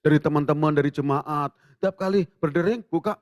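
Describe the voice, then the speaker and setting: Lively storytelling male pastor, close and dry. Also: on the high side, fairly quick, no echo. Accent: Indonesian. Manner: animated storytelling, acts out dialogue, jokes with congregation. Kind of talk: sermon. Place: church sanctuary.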